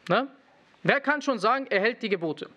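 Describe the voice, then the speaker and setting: High-voiced man preaching with teasing irony. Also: normal speed, dull audio. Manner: lively, questioning the congregation with teasing irony. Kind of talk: sermon.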